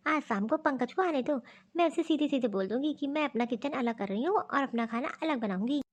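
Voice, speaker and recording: A woman's voice: sits high, expressive, fairly quick. A woman voicing a rude, lazy young daughter-in-law in a cartoon story; she refuses curtly and dismissively. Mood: defiant.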